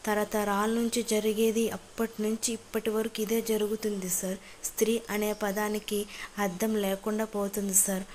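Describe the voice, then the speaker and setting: A woman's voice: mid-range voice, level tone, moderate pace, a little mellow, a little hiss or hum, lightly acted. A woman reading the lines of a hurt, angry young wife, reproachful and accusing, in a serial recap.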